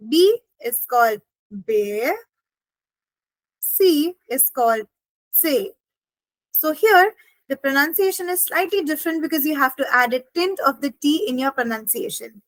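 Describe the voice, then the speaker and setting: A woman teaching a German lesson, explaining each phrase step by step and slowing down for the German examples. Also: sits high, fairly bright tone, dry recording, poor audio.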